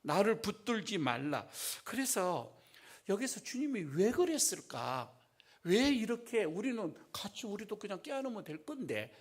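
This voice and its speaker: A male pastor preaching a sermon in a church sanctuary, swinging from loud emphasis to hushed whispers. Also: high-pitched. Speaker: senior pastor.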